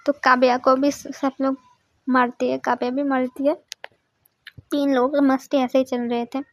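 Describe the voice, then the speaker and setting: A woman's voice: sits high, little pitch movement, normal speed. A young woman casually retelling a story in a loose, chatty way, with fillers and laughs.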